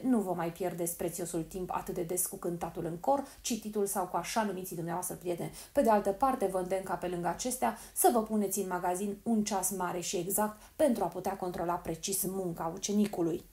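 A woman's voice: lowish voice, mellow, lightly acted. A woman reading the lines of a cold, persuasive male agent who sells time savings, calculating and coaxing in an audiobook.

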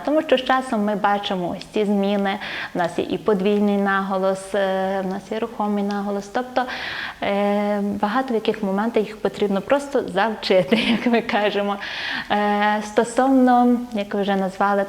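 Woman, teacher, interview guest, hesitant, filler sounds, light laughs, mid pitch. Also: fairly even intonation, normal speed. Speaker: Ukrainian language and literature teacher, guest. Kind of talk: explanatory interview talk.

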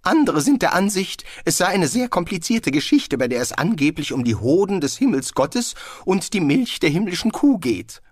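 A man's voice: sits high, sing-song, moderate pace, few pauses, breathy edge, dry recording, studio quality, voice pushed up, full character voice. A man reading an audiobook, voicing a nervous, bluffing male wizard who defends his pride with flustered bluster. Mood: weary.

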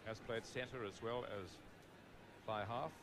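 A man giving play-by-play rugby commentary, measured between plays and rising to shouts at scoring chances. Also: fairly low pitch, steady tone. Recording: noisy broadcast audio.

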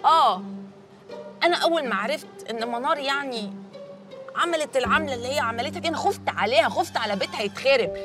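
A woman's voice: sits high, expressive, music in the background. A chatty Egyptian woman. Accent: Egyptian Arabic. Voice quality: talkative, playful, quick banter. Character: chatty, teasing young woman teacher. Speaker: actress in a TV comedy series. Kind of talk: TV comedy drama dialogue.

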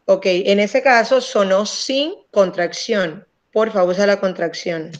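A woman teaches English in a slow, unhurried way, stretching out model words for her students to copy. She sounds patient and explanatory. The audio is muffled and lo-fi, like a remote class heard over a laptop. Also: mid-range voice. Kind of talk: online language class, switching between Spanish and English.

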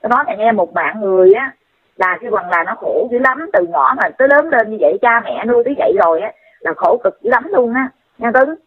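A woman scolds and advises in a rapid, insistent stream. Her voice is somewhat husky. It comes through a thin, tinny phone line. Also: a little high, animated. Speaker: commentator addressing someone directly. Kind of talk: casual lecturing call-in talk.

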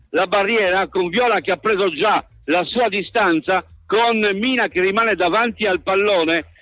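A man's voice: high voice, fairly bright tone, dry recording, low-quality recording. A man giving dramatic, colourful play-by-play radio football commentary. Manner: dramatic, colourful turns of phrase.

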